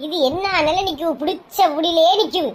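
Woman doing fast-scolding quarrelsome village mother. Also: very high-pitched, voice pushed down. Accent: Kanyakumari Tamil. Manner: scolding, rapid-fire.

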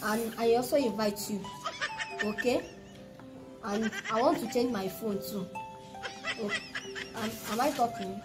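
Lady playing nigerian gold digger girlfriend, highish voice, pushy, comedy skit w music behind. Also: a little slow, pauses often, lightly acted, rough recording. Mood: insistent. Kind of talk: improvised comedy skit dialogue. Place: open porch of a concrete house, outdoors.

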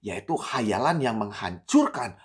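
A man delivers a motivational lesson in a relaxed, slangy way, his pitch swinging widely as he goes. He keeps turning to his listeners with rhetorical questions. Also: measured pace. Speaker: motivational speaker. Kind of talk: motivational video talk.

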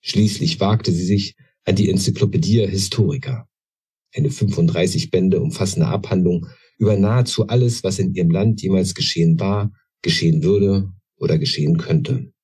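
A male author reads aloud from his own novel in a measured, deliberate manner, then discusses his characters. His voice is low-pitched, dark in tone and slightly rough.

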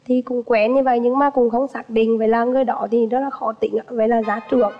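A slightly hoarse woman in her twenties from Vietnam speaks politely and hesitantly as a dating show contestant. Her voice sits somewhat high and rings with long studio reverb, and the sound is dull. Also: steady tone, fast talker. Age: 20s. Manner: soft-spoken, polite, hesitant. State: hoarse from a cold. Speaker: contestant, primary school teacher. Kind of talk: casual chat.

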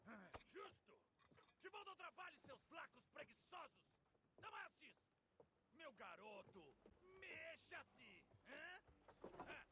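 Over loud ship and sea ambience comes a blustering male Greek ship captain from a video game. His voice is pushed very high, loud and hearty. He commands with brash bravado. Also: sing-song, slow, heavy background noise, exaggerated voice. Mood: hearty, bossy. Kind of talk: video game voice acting, Portuguese dub.

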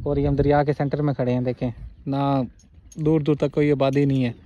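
A man's voice: medium pitch, level tone, fairly quick, muffled recording. A young man from Pakistan with a Punjabi accent, chatting casually as he shows viewers around from a boat on a river. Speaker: vlogger. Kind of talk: casual travel vlog. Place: outdoors on a wooden boat on a wide river. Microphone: phone held at arm's length. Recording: loud boat engine behind.

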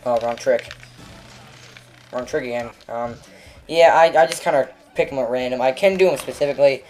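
A man's voice: mid-range voice, normal speed, darkish tone, soft background music. A young man narrating a video game as he plays, rambling and making self-mocking jokes. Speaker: gameplay commentator. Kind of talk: let's play commentary.

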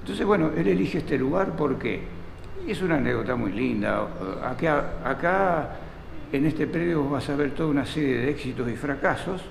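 An older man born in Italy tells the story with lively, direct storytelling and a gravelly, creaky voice. He is recorded close up in a small room with a long reverberant echo. Faint noise sits under the speech. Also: fairly high pitch, moderate pace. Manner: animated storyteller, addresses listener directly. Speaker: local historian guide. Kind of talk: storytelling interview. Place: small indoor room with air conditioner. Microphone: camera close in front.

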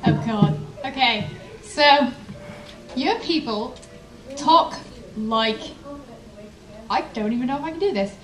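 A woman's voice: sits high, animated, slow pace, long pauses, soft background music. A woman playing a prim, indignant young English man on a convention panel, flustered and huffy. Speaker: cosplay panelist. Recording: echoey hall from far off.

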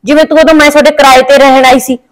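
A woman acts out a quarrelsome village schoolteacher wife with a Malwai Punjabi accent. She bickers defensively in a very high, rapid voice. The sound is close and dry. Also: flat delivery, no echo, natural voice, poor audio. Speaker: teacher wife in a village family drama. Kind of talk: village comedy drama acting.

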